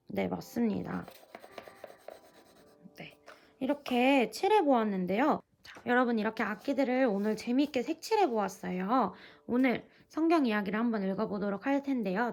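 A woman evangelist leading a children's devotional lesson and prayer, coaxing and lively with the kids, soft and hushed when praying. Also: medium pitch, normal speed, vocal fry. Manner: lively, coaxing teacher talk to young children.

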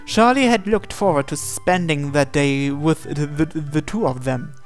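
A man with a fairly high, slightly slow voice narrates a visual novel aloud in a dramatic style, adding asides and now and then stumbling or repeating phrases. Game music plays behind him.

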